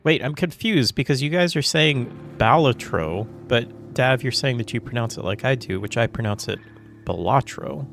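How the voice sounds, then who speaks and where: A man chatting casually on his gaming livestream, rambling and confused, with frequent chuckles and throat clearing. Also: medium pitch, normal speed, hardly any pauses. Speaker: livestream gamer. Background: soft background music.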